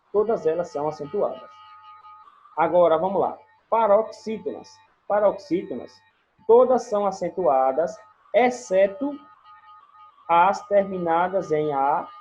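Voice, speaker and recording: A teacher with a Brazilian accent giving a recorded online grammar lesson, explaining in a measured way and listing examples word by word. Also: mid-range voice, a little mellow. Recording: dull lo-fi recording with faint music.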